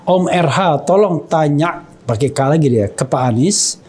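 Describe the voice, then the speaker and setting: Husky, mellow-voiced male interviewer. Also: a little high, lively intonation, normal speed. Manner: frequent short backchannels, casual and joking. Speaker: interviewer, host. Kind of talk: conversational interview, reading viewer questions.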